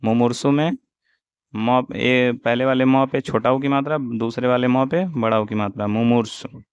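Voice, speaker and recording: Man slowly drilling spellings in a lesson. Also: mid-range voice, fairly even intonation, clean tone, no echo. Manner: slow, drilling recitation of correct and wrong spellings. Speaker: Hindi teacher. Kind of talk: exam-prep spelling lesson. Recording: dull, dry lo-fi audio.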